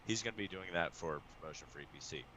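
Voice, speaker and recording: A man chats about streaming and poker coaching, swearing freely and tripping over restarts. His voice sits a little low but sounds bright and forward. Faint background noise runs under him. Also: very fast, low-quality recording. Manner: excitable, swears often, many restarts. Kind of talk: casual show chat.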